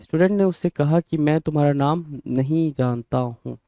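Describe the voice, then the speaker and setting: A male teacher, giving an exam-prep grammar lesson, asking questions and answering them himself, and reading example sentences slowly. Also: a little high, mellow, no room sound, muffled recording. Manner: reads English sentences slowly and deliberately.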